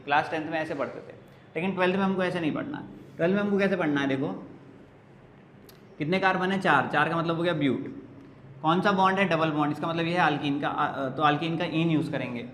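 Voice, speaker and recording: A man's voice: fairly high pitch, brisk, fairly bright tone. Man teaching chemistry in an echoey room. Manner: asks questions and answers them himself, counts carbons aloud. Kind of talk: classroom lecture, explaining step by step. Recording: echoey room with faint background hiss.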